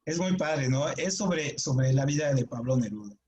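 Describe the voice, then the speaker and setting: A man's voice: mid-range voice, animated, moderate pace, a little mellow, a little hiss or hum. A man teaching a creative writing workshop, explaining in a chatty, digressive way and often checking with his students. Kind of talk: classroom lecture with anecdotes.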